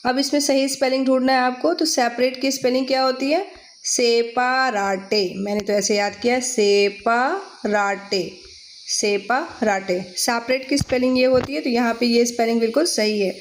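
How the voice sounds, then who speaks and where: A woman's voice: sits high, fairly even intonation, fast talker, few pauses, a little hiss or hum. A woman with an Indian accent teaching English spellings for exams, spelling words out letter by letter and checking with "theek hai". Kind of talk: exam-prep vocabulary lesson.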